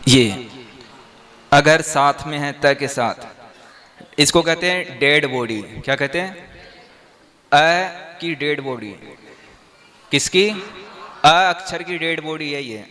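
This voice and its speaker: A man's voice: on the high side, takes it slowly, long pauses, bright, forceful tone. A man, a monk, teaching verse meter to a class, patiently explaining step by step and quizzing them with repeated questions.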